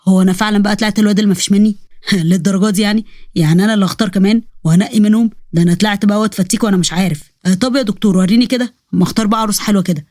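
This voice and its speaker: A woman's voice: mid-range voice, racing, mellow, no room sound, clean studio sound, natural voice. A woman with an Egyptian Arabic accent voicing a chatty, boastful young Egyptian man who jokes and rambles. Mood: excited. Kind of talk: storybook narration with character voices.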